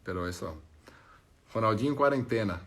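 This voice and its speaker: A Brazilian man with a Portuguese accent chats casually on a live stream, reading viewer comments aloud and laughing as he jokes across Spanish, English and French. His voice is fairly low and a bit bright, with lively intonation and a slightly fast pace.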